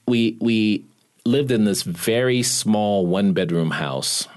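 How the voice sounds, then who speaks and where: A man telling a personal story in an interview, now and then quoting his father's words. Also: sits low. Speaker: guest recalling his recruitment.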